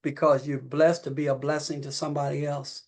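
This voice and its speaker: A man with a fairly high voice speaks on a company call like a lay preacher. He repeats his phrases and gets louder and higher as he warms up, mixing business talk with talk of faith. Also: level tone, fairly quick. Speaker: network marketing leader speaking on a company call. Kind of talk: motivational pep talk.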